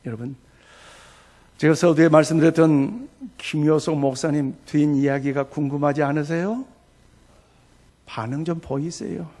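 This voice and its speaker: A male pastor preaching a Sunday sermon, telling a story with soft asides and sudden loud, emphatic bursts. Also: fairly high pitch, fairly even intonation, normal speed, pauses often.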